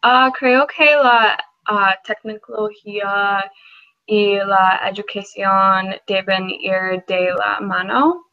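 Very slow young woman, dull webcam. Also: medium pitch, fairly even intonation. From Minnesota, USA. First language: English. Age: young adult. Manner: hesitant, self-correcting with fillers. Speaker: Spanish student. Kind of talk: scripted class oral exchange. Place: small room indoors. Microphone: webcam at desk.

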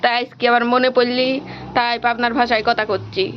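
A high-pitched woman with a Pabna Bengali accent talks straight to her viewers in a loose, chatty vlog. Her voice comes through slightly muffled phone audio, with faint household noise around her. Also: level tone, fairly quick. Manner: chatty, addresses viewers directly. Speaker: vlogger. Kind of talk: casual vlog tour in regional dialect. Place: home kitchen and yard at a picnic cooking.

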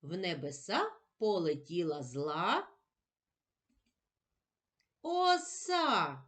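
Slow, lively woman teaching children. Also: a little high. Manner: clear, drawn-out sounding of letters and syllables. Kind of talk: slow lesson for young children.

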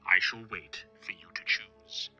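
A man voicing a mysterious vigilante who speaks from the darkness in a slow, low, grave whisper. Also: pushed and bright, soft background music. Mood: commanding.

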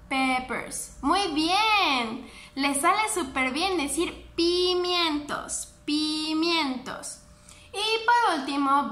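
A woman with a Mexican Spanish accent, teaching English words to small children, repeating each word slowly and patiently. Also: high voice, bright, forceful tone, reverberant. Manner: slow, patient word drilling with repetition. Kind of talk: online class for young children.

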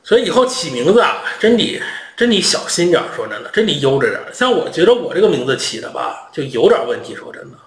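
A man's voice: on the high side, fast talker. Chatty man, roomy sound. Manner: chatty, animated, humorous anecdotes. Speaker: international education channel host. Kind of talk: casual storytelling vlog.

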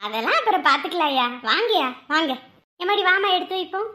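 Woman playing a fussy mother figure, warm scolding, family drama, very high voice. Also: lively intonation, fast, exaggerated voice. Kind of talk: dubbed family serial drama.

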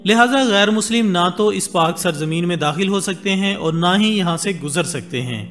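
This is a formal, measured documentary narration read from a script by a man with a high voice. He speaks Urdu with Arabic religious phrases, over continuous soft music.

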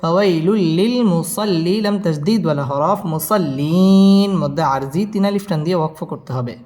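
A man teaching recitation, spelling out letters and chanting verses in a slow, drawn-out melody with brisk explanations between. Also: a little high, a little mellow, long reverb tail.

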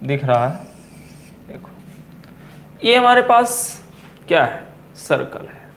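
A man with a Bihari accent teaching physics in a coaching classroom, repeating key terms slowly and asking and answering his own questions. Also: fairly high pitch, sing-song, fairly bright tone, a little hiss or hum. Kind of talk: classroom lecture at a board.

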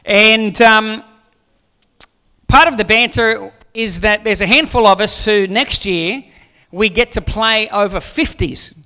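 A man's voice: high-pitched, slow, pushed and bright, clean tone. A man in his forties, a pastor preaching a sermon on a church stage into a handheld mic, joking with the audience and then pressing questions. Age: 40s.

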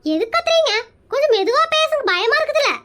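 A woman's voice: extremely high pitch, sing-song, fast, fairly bright tone, full character voice. A woman voicing a pushy, chatty married aunt in a cartoon comedy, who plays matchmaker and talks. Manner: brash, nosy, rambling.

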